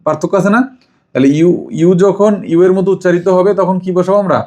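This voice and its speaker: A man's voice: sits high, steady tone, a little fast, dark tone. A man teaching English grammar to a child, asking questions and repeating the answers. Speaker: English tutor. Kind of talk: home tutoring lesson.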